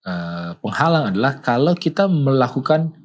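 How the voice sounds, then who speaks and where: A man, a pastor, talking through a Bible study discussion in a reflective way, often pausing to search for words. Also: mid-range voice, big pitch swings.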